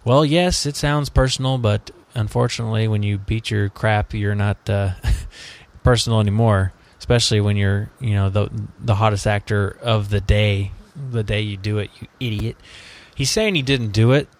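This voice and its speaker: A man's voice: on the low side, fairly even intonation, normal speed, few pauses. A man hosting a casual podcast chat, rambling and joking, often laughing mid-sentence. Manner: rambling, jokey, laughs a lot. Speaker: host.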